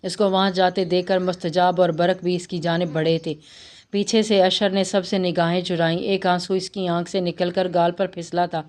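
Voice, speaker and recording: A woman narrating a romance novel aloud with steady storytelling and occasional slips. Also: on the low side.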